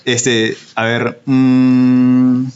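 A man's voice: medium pitch, monotone, very slow, a little mellow. A young man, chatting and joking casually on a podcast. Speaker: podcast co-host. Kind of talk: casual chat. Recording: dull lo-fi recording with faint room noise.

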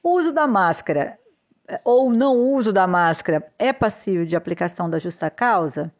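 A woman hosting a podcast, explaining labor law rules in a measured way, with frequent hesitations and restarts. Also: mid-range voice, animated. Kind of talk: explanatory legal podcast talk.

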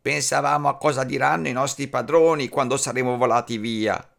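Man voicing timid caged parakeets for a storybook tale; higher, slower, pleading, gravelly tone. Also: fairly even intonation, fairly bright tone. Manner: slow, high, pleading voice. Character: small timid caged parakeets, noisy and fearful.

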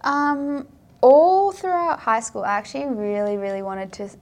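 Her voice high, unhurried, and a little mellow, a young South African woman chats on a podcast as a guest. She fills her casual talk with fillers, frequently dropping "like".

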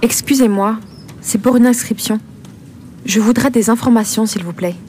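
A woman's voice: fairly high pitch, normal speed, darkish tone, a little hiss or hum, lightly acted. A woman playing a young student who politely asks about library enrollment in a scripted course dialogue. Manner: polite and questioning.

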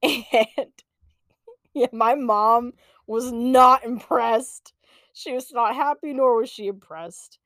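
A woman in her late twenties hosting a podcast, telling a personal story in a casual, animated, profane way and laughing often. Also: a little high, slow, dry recording, studio quality. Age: late 20s. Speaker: podcast host.

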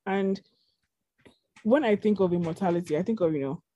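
A woman's voice: mid-range voice, a little fast, warm tone, muffled recording. A young adult woman co-hosting a casual podcast chat, talking in a rambling way with lots of fillers. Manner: chatty, rambling, many fillers.

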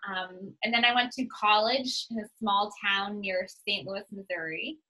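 This New England woman in her twenties, appearing as an interview guest, talks in a chatty, upbeat way and leans heavily on "like." Her mid-range voice is bright and forceful, with a steady tone and measured pace, though the audio quality is poor.

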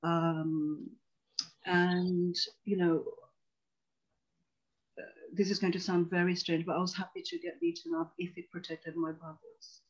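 A woman in her forties from Tanzania, a psychotherapist, earnestly and reflectively tells her life story as a guest on a video call. Her fairly low voice stays level and unhurried, with frequent pauses, and the audio sounds dull.

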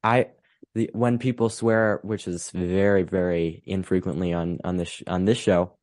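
A man's voice: low voice, steady tone, normal speed, a little mellow, no echo, studio quality. A man hosting an interview show, asking questions in an easygoing, curious way. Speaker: podcast host, interviewer.

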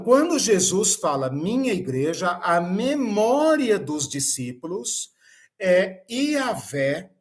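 A man with a Brazilian Portuguese accent giving a recorded Bible lecture, explaining step by step and closing points with tag questions. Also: fairly high pitch. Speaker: Bible teacher.

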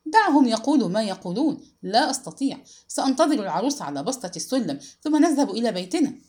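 A woman voicing a frightened, shy young bridegroom in an audiobook, pleading in a higher, louder voice. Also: sing-song, fast. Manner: pleading, frantic.

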